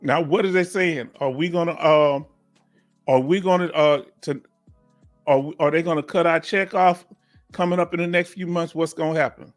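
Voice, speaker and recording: Faint music plays as a man in his fifties, a veteran claims advisor, runs a relaxed live Q&A, repeating points and encouraging viewers to speak up. His voice is on the high side, fairly even in intonation, at normal speed.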